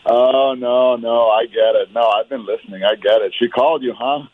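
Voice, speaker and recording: A man's voice: medium pitch, fairly even intonation, moderate pace, a crowd in the background. Man on a tinny speakerphone line. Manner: rambling, filler-heavy, says "man" a lot. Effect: heard over speakerphone on a phone line. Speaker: dating show call recipient. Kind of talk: casual phone chat.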